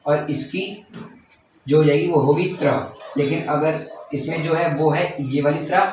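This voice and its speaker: A man's voice: fairly high pitch, slight background noise. Man teaching from far off in an echoey room. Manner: step-by-step, repeats points, says "okay" often. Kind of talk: explaining a grammar lesson.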